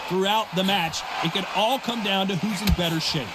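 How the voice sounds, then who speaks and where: A man's voice: high-pitched, moderate pace, very noisy, close to an everyday voice. A man playing a boxing play-by-play announcer in video game sports commentary. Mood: calling the action. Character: male boxing play-by-play announcer calling punches. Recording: loud music behind.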